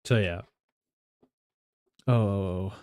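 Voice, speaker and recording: A man's voice: deep voice, extremely slow, dark tone, clean tone, dry recording, clean studio sound. A young Dutch man with a Dutch accent, chatting casually with viewers, often laughing and restarting his sentences. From Netherlands. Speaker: streamer.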